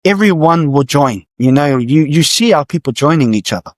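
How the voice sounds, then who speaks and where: A man's voice: on the high side, lively intonation, normal speed, no room sound. A man who grew up in Samoa and New Zealand, a guest entrepreneur on a podcast, speaking earnestly and encouragingly in casual interview talk. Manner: earnest, encouraging, repeats words.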